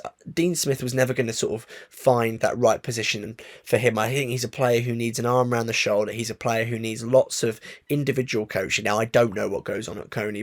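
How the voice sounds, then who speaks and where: A man hosting a football fan podcast, giving frustrated, opinionated commentary with frequent ums and restarts. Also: medium pitch. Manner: frustrated, animated ranting with filler ums.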